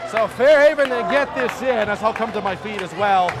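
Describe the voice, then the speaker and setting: A man in his thirties doing play-by-play for a high school basketball game, excited and short of breath, shouting at the big plays. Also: fairly quick. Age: 30s. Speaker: play-by-play announcer. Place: school gymnasium. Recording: crowd noise in a gym. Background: loud cheering crowd.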